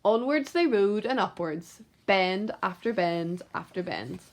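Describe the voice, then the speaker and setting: A woman tells a children's story in an expressive read-aloud style. Her voice is of average pitch for a woman. The melody is lively, moving widely up and down. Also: a little slow.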